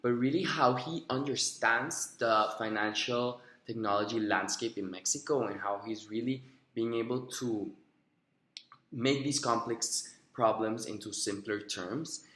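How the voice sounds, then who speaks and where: A man's voice: mid-range voice, measured pace, a bit bright, echoey room. Earnest young man from Rica. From Costa Rica. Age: young adult. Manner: earnest, rehearsed, with fillers. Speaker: job applicant. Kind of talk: recorded video interview answers. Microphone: recorded himself on video.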